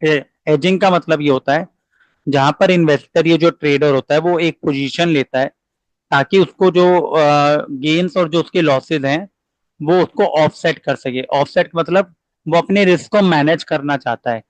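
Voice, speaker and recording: A male commerce teacher with an Indian accent gives a recorded lecture, explaining in everyday speech, asking rhetorical questions and reading English definitions slowly. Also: a little high, no room sound, rough recording.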